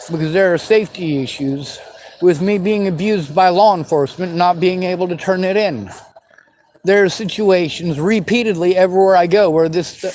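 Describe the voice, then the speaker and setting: A man's voice: sits high, a little mellow, a little hiss or hum, low-quality recording. A man in his forties from the western United States, talking bitterly and swearing as he answers viewer questions on his vlog. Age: 40s. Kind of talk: angry unscripted monologue.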